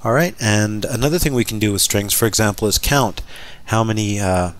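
A man with a somewhat low voice leads a recorded software tutorial. He talks in a relaxed, conversational way, pausing with fillers as he types and explains each step at his computer. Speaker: software trainer. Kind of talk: screen-recorded coding tutorial.

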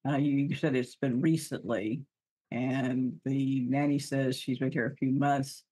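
A man at a tabletop game who speaks haltingly, with many fillers and restarts. His voice is husky and mid-pitched. It sounds dry and close to the mic. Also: steady tone, mellow, dry recording, low-quality recording. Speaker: player. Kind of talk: casual tabletop game talk, partly in character.

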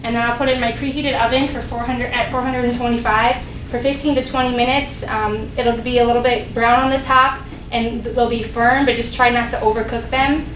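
A woman's voice: a little high, steady tone, fairly quick, far from the mic. A young woman in her twenties giving a cooking demonstration in a large kitchen, explaining each step in a friendly way with frequent ums and uhs. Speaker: dietetic intern doing a cooking demo. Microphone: distant camera mic. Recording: roomy kitchen sound from afar, background noise.

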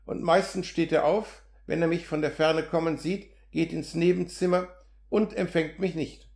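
Barnabas, a man reading a gentle messenger. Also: a little high, normal speed, gravelly. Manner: gentle, calm and unruffled. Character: meek young male village messenger. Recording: roomy echo.

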